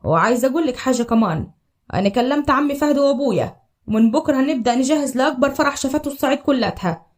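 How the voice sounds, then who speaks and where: Woman doing a low Upper Egyptian young husband. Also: lively intonation, racing. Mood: tender. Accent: Upper Egyptian Arabic. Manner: low, earnest, tender declarations. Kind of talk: storybook audio drama.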